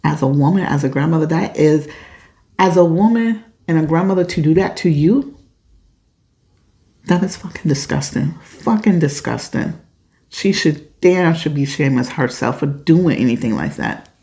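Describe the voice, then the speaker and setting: A woman's voice: sits low, expressive, moderate pace, dark tone. A woman podcast host reading a listener's letter aloud and reacting to it in an emphatic, outspoken way. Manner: emphatic, outspoken, swears when upset.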